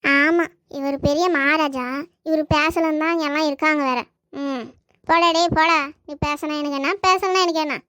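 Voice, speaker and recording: For a family comedy cartoon skit, a performer voices a grumpy, sarcastic grandmother scolding and brushing off her grandson. The voice is high, bright and forceful with fairly even intonation at a moderate pace, recorded dry with clean studio sound.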